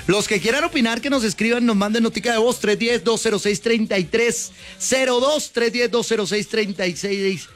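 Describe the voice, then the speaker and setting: A man's voice: very high voice, moderate pace, a bit bright. A man with a Colombian accent hosting a live radio call-in show about football in an exclamatory, celebratory way. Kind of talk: excited live sports call-in chat.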